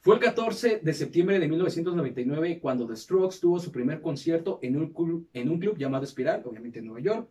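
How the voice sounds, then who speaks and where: A man's voice: fairly high pitch, animated, a little fast, hardly any pauses, warm tone, far from the mic. A man with a Mexican accent, hosting a casual podcast and telling a band's history, with heavy slang and crude banter. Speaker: podcast host. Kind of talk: casual chat, reading history.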